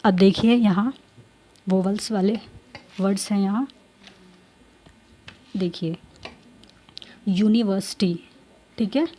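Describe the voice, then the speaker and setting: Woman teacher, mellow tone, patient and repetitive classroom delivery. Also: medium pitch, slow, long pauses, a little hiss or hum. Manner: repeats points, checks in with students. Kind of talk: classroom grammar lesson.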